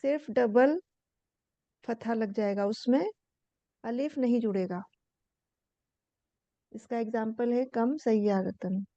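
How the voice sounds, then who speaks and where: A woman explains Arabic grammar to her students, patient and step by step, often asking a question and then answering it herself. Her voice is a bit high and mellow in tone. It is recorded dry and a little dull, like a plain lo-fi lesson recording. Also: takes it slowly, long pauses, no echo. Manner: patient, asks and answers her own questions, many fillers. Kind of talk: explaining a lesson, reading English lines slowly.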